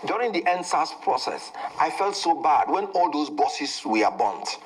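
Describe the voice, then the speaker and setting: A Nigerian man speaking as a guest in a heated political interview, shifting from low, measured talk to loud, fiery outbursts. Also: big pitch swings, background noise.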